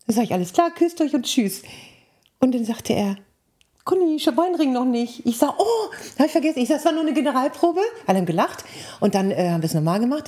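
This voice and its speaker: Lively, slightly husky woman storyteller. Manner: lively storyteller, acts out dialogue in a high voice, drops to whispers. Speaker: wedding officiant, guest. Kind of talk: casual podcast anecdotes.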